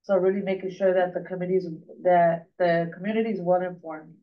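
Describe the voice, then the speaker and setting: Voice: mid-range voice, flat delivery, a little fast. A community representative introducing themselves at a public meeting, speaking hesitantly with many ums. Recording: distant, muffled meeting-room recording.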